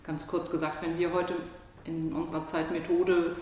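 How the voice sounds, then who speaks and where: A woman's voice: lowish voice, flat delivery, normal speed, a little mellow. A woman moderating a reflective conversation, thinking aloud and searching for her words. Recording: echoey hall with faint noise.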